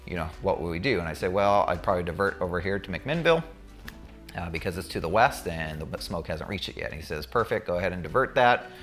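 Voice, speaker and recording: A man whose voice is deep and low, with a touch of brightness, shares what happened on his checkride as a student pilot. He moves quickly with lively intonation, talking frankly and casually as if to viewers, over faint background music.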